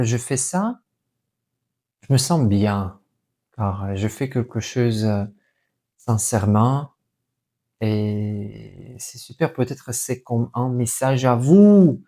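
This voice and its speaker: Man, Russian accent in French, young, slow pace, halting, searching for words, self-correcting, casual vlog, mellow tone. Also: medium pitch. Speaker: vlogger and language learner. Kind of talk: casual unscripted vlog talk.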